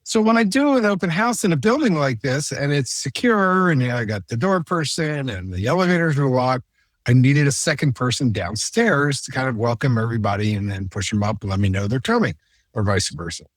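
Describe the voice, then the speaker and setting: A man's voice: medium pitch, lively intonation, a little fast, dry recording. A man hosting a real estate show, chatting casually in a rambling, joking way with many asides. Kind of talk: casual on-camera chat.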